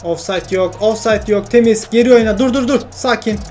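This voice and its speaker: A young man commentating his own football video game play, shouting at teammates between frustrated and joking remarks. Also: sits high, normal speed, soft background music. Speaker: gaming YouTuber.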